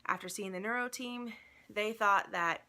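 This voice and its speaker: A woman's voice: mid-range voice, normal speed, sharp tone. A young woman vlogging from home, talking casually and rambling a little, with many ums and restarts, somewhat out of breath. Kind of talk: casual chat.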